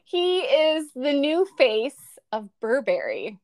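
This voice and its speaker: A woman with a very high voice and a Minnesota accent. She chats casually as a podcast co-host, gushing like an excited fan and leaning hard on her words. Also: takes it slowly. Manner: gushing, emphatic fangirl talk. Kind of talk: casual chat.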